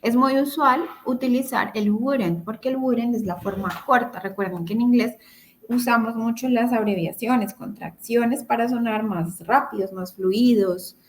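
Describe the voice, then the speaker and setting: A woman's voice: a little high, unhurried, slight background noise, low-quality recording. A woman teaching English grammar in a recorded video-call lesson, explaining step by step, repeating words and checking in with her students.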